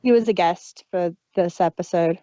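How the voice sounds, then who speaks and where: A warm, lowish female voice at normal speed belongs to a podcast co-host reviewing an audio drama in casual conversation. She laughs a lot and tends to drift off mid-sentence. The audio is muffled and dull.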